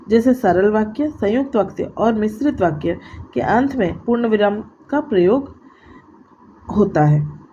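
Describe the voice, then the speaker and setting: A woman explaining a grammar lesson, slow and deliberate, pausing mid-sentence and restarting with fillers. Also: medium pitch, warm tone. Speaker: grammar teacher. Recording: dull lo-fi audio with faint background noise.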